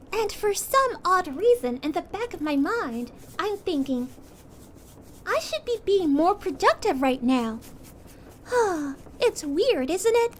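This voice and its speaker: Very high-pitched, gentle cartoon princess. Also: female voice, slight background noise. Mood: gentle concern. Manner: gentle, reassuring, chatty. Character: sweet young cartoon princess, gentle, caring, encouraging friend. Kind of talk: calming ASMR audio roleplay.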